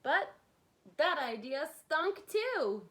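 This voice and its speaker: A woman with a high-sitting voice reads a picture book aloud to young children very slowly. Like a kindergarten teacher, she's expressive and dramatic, slipping in playful asides.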